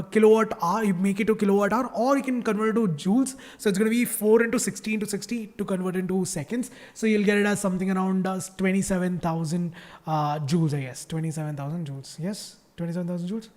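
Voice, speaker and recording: A male teacher with a South Indian English accent leads a live online class in a chatty, playful way, constantly quizzing students and mock-dramatically treating easy problems as terrifying. His voice sits high with a darkish tone.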